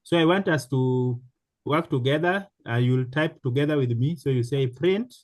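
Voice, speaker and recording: A man teaching a programming class in a slow, halting way, with many fillers and restarts. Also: mid-range voice, no echo. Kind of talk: live online class instruction.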